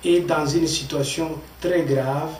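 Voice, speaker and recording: Man, Congolese pastor, measured sermon delivery, high voice, echoey room off-mic, faint music behind. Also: fairly even intonation, recorded from a distance. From Democratic Republic of the Congo. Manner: deliberate, pausing between short phrases. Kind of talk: slow measured sermon with scripture reading.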